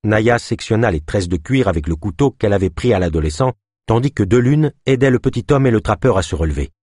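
A man reading an adventure audiobook in a low, husky voice. His delivery swings widely in pitch. The sound is dry and close. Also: fast, dry recording. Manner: expressive storytelling. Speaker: narrator. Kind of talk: audiobook narration.

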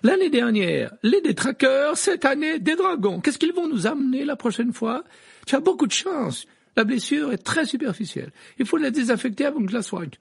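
A man's voice: very high voice, sing-song, normal speed, vocal fry, husky, voice pushed up, heavily acted. A man voicing an older woman healer who grumbles and scolds as she fusses over a patient. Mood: scolding. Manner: scolding, disgusted fussing.

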